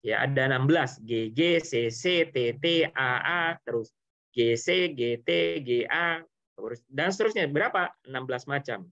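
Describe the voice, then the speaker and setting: A man's voice: mid-range voice, lively intonation, moderate pace, a bit bright. Man tutoring, rhetorical questions, dull audio. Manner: explains step by step, asks rhetorical questions then answers them; casual, with frequent tag words and self-corrections. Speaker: biology tutor. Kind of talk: online lesson explanation.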